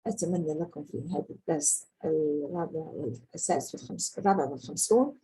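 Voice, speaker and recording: A woman teaching a French grammar lesson. She explains in casual dialect, with hesitations, and reads the French examples slowly and carefully. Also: low-pitched, very animated, dark tone, poor audio. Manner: frequent hesitations and restarts.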